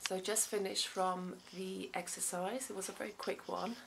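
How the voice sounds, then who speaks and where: Over music, a woman in her thirties, a human rights lawyer and vlogger whose first language is Swedish, chats about her day at home, reflective, with lots of ums and restarts. Her medium-pitched, creaky voice holds a steady tone at normal speed. The rough recording comes from a camera or phone held at arm's length, then placed on the floor of a small living room.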